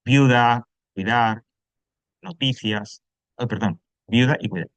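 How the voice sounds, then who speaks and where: A man's voice: medium pitch, takes it slowly, no echo. A man from Andalusia with an Andalusian accent, a teacher explaining grammar in class and often checking that students follow. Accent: Andalusian Spanish. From Andalusia, Spain. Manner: explanatory, keeps checking with "right?". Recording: dull, dry, muffled.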